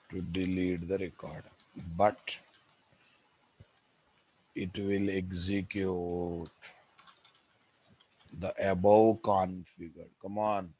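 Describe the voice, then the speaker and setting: A man's voice: low-pitched, a little mellow. A man with a Telugu Indian accent teaching live coding, dictating code aloud, repeating phrases and addressing his students directly. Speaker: programming instructor.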